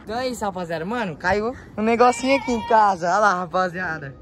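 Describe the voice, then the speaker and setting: Excitable young São Paulo man vlogging outdoors. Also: high-pitched, quick pace, background noise. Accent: São Paulo Brazilian. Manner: slangy, excitable. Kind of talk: casual vlog chat. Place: outdoors in a residential yard. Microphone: handheld phone, held by the speaker.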